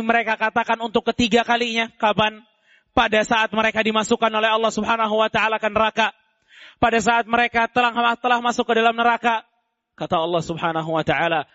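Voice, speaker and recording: A man preaching a sermon to a congregation, swinging between loud, pleading cries and low, intoned recitation. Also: lo-fi sound.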